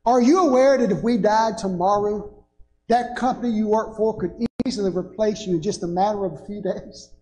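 An older male pastor preaches from a church pulpit at a normal pace, his high voice carrying a darkish tone. He rises into emphatic bursts, picked up by a pulpit microphone in an echoey sanctuary.

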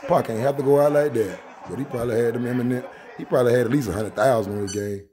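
A young man from Jacksonville, Florida, giving loud, excitable casual commentary on basketball clips, swearing a lot and breaking into shouts. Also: medium pitch, fast.

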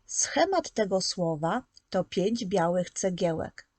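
Slow, patient woman teaching preschoolers. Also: on the low side, very animated, darkish tone, dry recording. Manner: patient, clearly articulated, sounding out letters. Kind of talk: slow, scripted lesson narration.

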